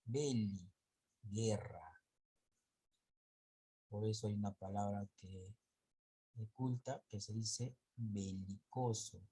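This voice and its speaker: A man teaching an online class, lecturing slowly and haltingly, often stopping to correct himself. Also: fairly low pitch, steady tone, dark tone, breathy edge.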